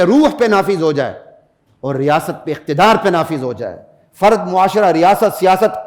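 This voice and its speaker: High-voiced emphatic preacher. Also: male voice. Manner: emphatic preaching, rises to loud peaks, drops to low asides; recites Arabic verses in melodic chant. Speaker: mufti giving Friday sermon. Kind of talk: Friday sermon.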